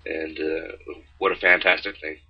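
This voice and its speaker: A man with a very deep, husky voice chats in a relaxed, rambling way. The recording is dull and lo-fi. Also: moderate pace. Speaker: podcast co-host. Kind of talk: casual chat.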